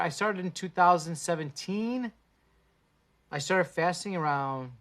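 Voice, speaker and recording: A man hosting a casual livestream, talking in a profane, slangy and animated way into a phone. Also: fairly high pitch. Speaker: livestream host.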